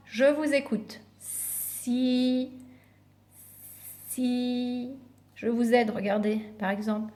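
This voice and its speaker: Slow, encouraging preschool teacher woman. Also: fairly high pitch, a little mellow. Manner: slow, clearly stressed syllables, encouraging. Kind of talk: remote lesson for young children.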